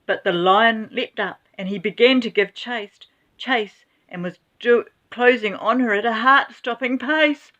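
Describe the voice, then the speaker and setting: A woman reading a rhyming children's story aloud in an expressive, dramatic way, with exclamations. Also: fairly high pitch, unhurried, few pauses, dull audio.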